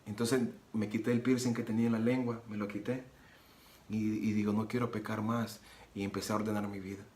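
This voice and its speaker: A man's voice: on the low side, level tone, a little fast, a little hiss or hum. Earnest man, roomy echo. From Nicaragua. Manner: earnest, repeats phrases, re-enacts dialogue. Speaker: preacher giving testimony. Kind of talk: personal religious testimony. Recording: roomy echo with soft guitar music.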